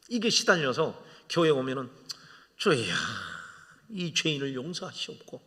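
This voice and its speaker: A man's voice: a little high, sharp tone. A man in his fifties preaching a sermon as a guest preacher, telling jokes and stories. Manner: joking, storytelling preacher. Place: church sanctuary. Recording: reverberant church hall.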